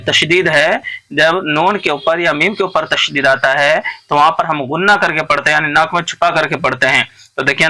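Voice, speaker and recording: Bright-voiced man teaching Quran recitation. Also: a little high, poor audio. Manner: patient, step-by-step, repeats each word slowly. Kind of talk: tajweed lesson, explaining rules between slow recited verses.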